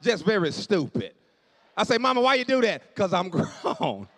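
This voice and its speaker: A man in his late forties doing animated stand-up storytelling on stage, dropping to low asides and jumping up for punchlines. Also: moderate pace. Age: 40s. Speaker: stand-up comedian. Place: church hall on stage. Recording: long hall reverb.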